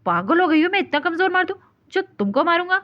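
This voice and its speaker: A woman voicing a short-tempered young husband who threatens and scolds gruffly. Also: very high-pitched, expressive, brisk. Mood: angry scolding. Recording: dull lo-fi recording.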